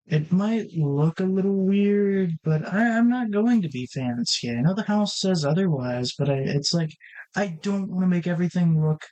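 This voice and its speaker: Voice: mid-range voice, darkish tone, poor audio. A gaming channel host giving casual gameplay commentary, rambling and correcting himself as he thinks aloud at a desk mic.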